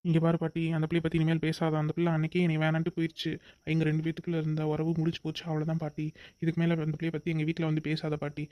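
A brusque young village man who shuts down every question and gives orders, voiced by a man for a homemade cartoon. He talks very fast at a slightly raised, flat pitch, recorded close and dry. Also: dry recording, natural voice. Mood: dismissive. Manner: curt, dismissive, commanding. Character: young village man, curt dismissive elder brother.

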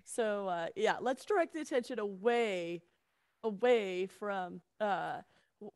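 A woman guest, a program director, reacting excitedly in casual chat. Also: mid-range voice, takes it slowly, clear, resonant tone, dry recording, studio quality. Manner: excitable, exclaiming.

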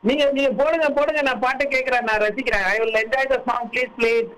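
A man's voice: very high-pitched, rapid-fire, pushed and bright, clear, resonant tone, low-quality recording. A man with a South Indian accent chatting casually as a caller to a radio show. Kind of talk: casual chat. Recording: phone-in call with faint noise.

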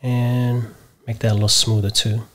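A middle-aged man explaining a software tutorial step by step from a home office, often checking in with "right?". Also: mid-range voice, moderate pace. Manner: relaxed step-by-step explaining, tags lines with "right?". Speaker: tutorial host. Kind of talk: screen-share software tutorial.

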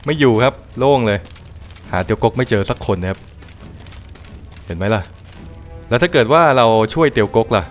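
A man's voice: mid-range voice, animated, normal speed, long pauses. A man hosting a casual gameplay commentary, chatty and jokey, swearing and laughing often. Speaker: gaming let's-play host. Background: game music.

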